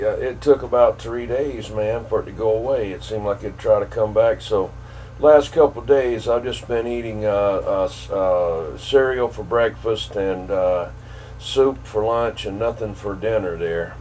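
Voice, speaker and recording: A man's voice: on the low side, mellow. A man in his fifties or older chatting casually as a radio operator, rambling in a folksy way with radio slang. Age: 50s or older. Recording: clear background hum and noise.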